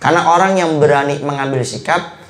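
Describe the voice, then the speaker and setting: A man delivering a sermon with lively emphasis, his voice sitting a bit above the usual male range. He breaks into little voices for the people he describes. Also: on the high side, fairly quick. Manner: animated, acts out quoted people in voices. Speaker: Islamic preacher. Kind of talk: sermon to a study circle.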